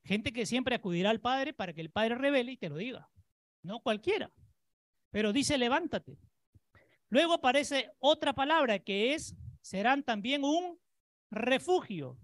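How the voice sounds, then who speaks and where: A preacher giving a sermon, urging and commanding the listeners and mocking their excuses with whiny imitations. The voice swings between loud emphasis and a lowered tone. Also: no echo. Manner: mocks people by imitating their whining.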